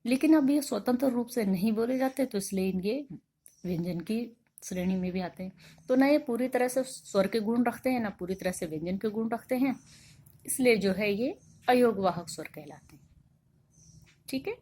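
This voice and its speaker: A woman's voice: fairly high pitch, lively intonation, warm tone. A woman teacher giving a classroom grammar lesson, explaining step by step and asking questions that she then answers herself. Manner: drawn-out, carefully spoken examples. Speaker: school teacher.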